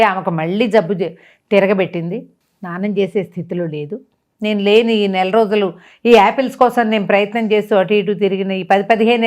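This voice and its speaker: A middle-aged woman telling a dramatic story in a casual talk-show manner, lifting her pitch sharply for emphasis. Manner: animated, swings up in pitch for emphasis. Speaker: storyteller guest.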